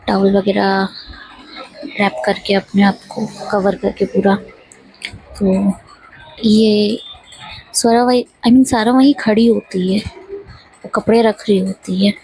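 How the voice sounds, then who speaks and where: A woman casually retelling a love story in a chatty way, with fillers and quick self-corrections of names, sometimes dropping to a hushed near-whisper. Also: medium pitch, husky, no room sound, poor audio.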